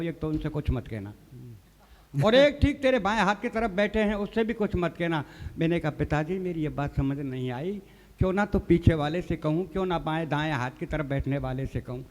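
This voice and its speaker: With a high, slightly mellow voice and a long reverb tail behind it, a man performs comic poetry and amusing stories onstage at a poets' gathering. He voices the dialogue himself and speaks to the crowd as "sahab".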